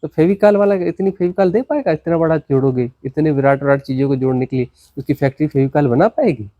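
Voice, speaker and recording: Here a male spiritual teacher speaks at a quick pace in a satsang discourse, the audio dull and free of echo. His delivery is repetitive, full of rhetorical questions and dramatic pitch swings.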